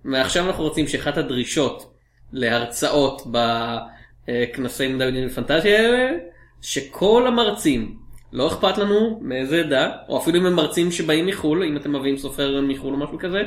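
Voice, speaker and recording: A man's voice: fairly high pitch, roomy sound. A man co-hosting a podcast, chatting casually about films with wry, playful banter. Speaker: podcast co-host.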